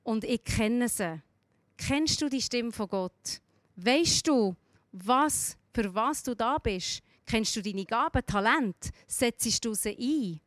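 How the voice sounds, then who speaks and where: A woman's voice: a little high, lively intonation, takes it slowly, fairly bright tone, no room sound. Earnest Swiss German woman preaching. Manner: earnest, storytelling, asks the listener direct questions. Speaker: speaker giving a devotional talk. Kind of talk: sermon.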